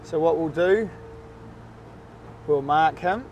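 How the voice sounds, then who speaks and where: Recorded by a boat-mounted action camera amid open-water wind and engine noise, this forties-aged New Zealand man hosts his fishing show from the deck. His pitch is fairly high and his delivery slow, the audio sounds dull, and he whoops and swears freely in his excited, casual commentary.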